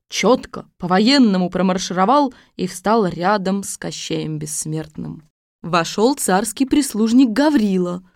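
Woman storyteller, lowish voice, calm fairy tale narration, dry close sound. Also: no echo.

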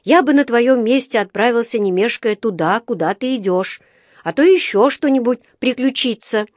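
A woman reads a storybook aloud in a clean, studio-quality recording with no room sound. At a fairly high pitch and moderate pace, she voices a kindly male taxi driver offering friendly, hearty advice, pitching slightly above her own voice but staying close to everyday speech.

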